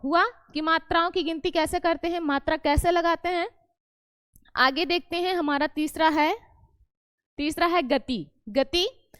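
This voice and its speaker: A woman teacher walks her class through the rules of verse meter, stating each point and then quizzing the students on it. Her voice sits high. The recording is dry and close, with no room sound. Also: no room sound. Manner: repeats each point and asks the class questions back; self-correcting, explains patiently. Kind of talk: classroom lesson on Hindi poetry meter.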